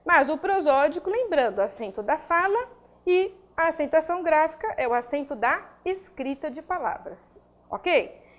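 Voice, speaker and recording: A woman's voice: high-pitched, animated, normal speed. A woman giving a grammar video lesson, explaining step by step and often checking in with her students. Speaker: grammar teacher. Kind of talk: video lesson for exam prep.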